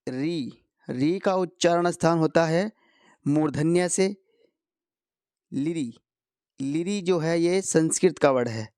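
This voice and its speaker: Slow-paced Hindi grammar teacher, man. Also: a little high, a little mellow, clear, resonant tone, no room sound, clean studio sound. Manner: slow, repeats key answers, asks and answers his own questions. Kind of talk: explanatory lesson for competitive exam students.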